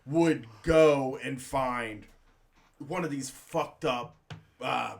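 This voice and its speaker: A man's voice: medium pitch, very slow, gravelly. A man co-hosting a casual podcast, rambling loosely, laughing often and reading listener comments aloud. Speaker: podcast co-host. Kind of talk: casual chat.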